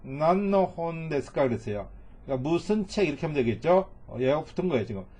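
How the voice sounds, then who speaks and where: A man's voice: a little high, very animated, fast, darkish tone, slightly rough, dull audio. A middle-aged man teaching Japanese reading in a recorded lecture, patiently repeating each phrase and translating it word by word.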